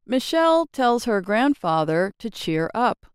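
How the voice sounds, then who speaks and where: An American woman narrating a scripted English lesson, speaking slowly, carefully and expressively. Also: fairly high pitch, sing-song, clean tone, dry recording, clean studio sound.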